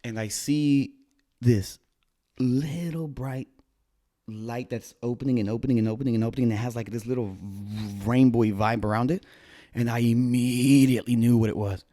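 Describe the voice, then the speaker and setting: A man in his thirties casually telling his viewers a story, animated, with gasps, restarts and trailing phrases. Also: medium pitch, normal speed. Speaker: vlogger.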